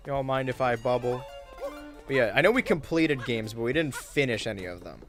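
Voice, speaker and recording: A young man casually chatting on a gaming livestream, wry and relaxed, reading chat aloud while he plays. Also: mid-range voice, normal speed, soft background music. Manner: laid-back, wry, reads chat aloud while playing. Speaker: streamer and YouTuber.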